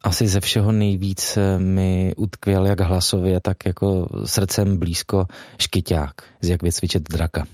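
A man's voice: low voice, flat delivery, darkish tone, no room sound, clean studio sound. A man, a voice actor being interviewed, speaking hesitantly with many fillers and restarts. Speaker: voice actor guest. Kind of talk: interview chat.

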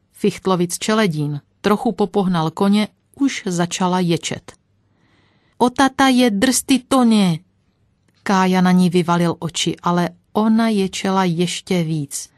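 A woman with a fairly low voice reads a story aloud, gentle and lively as she narrates. The sound is close and dry, with no room around it. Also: no room sound. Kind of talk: audiobook storytelling.

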